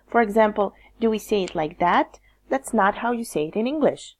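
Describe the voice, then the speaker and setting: A woman with a Croatian accent, a teacher trainer giving measured, scripted narration that explains how to correct students. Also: mid-range voice, lively intonation. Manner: measured, explanatory, reads examples aloud.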